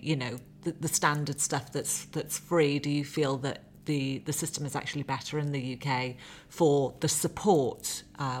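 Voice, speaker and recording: A woman interviewing a guest, asking gentle, probing questions in casual chat. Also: very deep voice, slight background noise.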